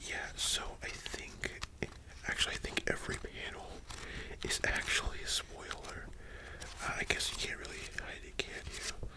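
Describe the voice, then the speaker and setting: An ASMR host whispering softly in a library-style whisper, chatting informally with slangy, opinionated fan commentary. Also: normal speed. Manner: soft unvoiced whispering throughout.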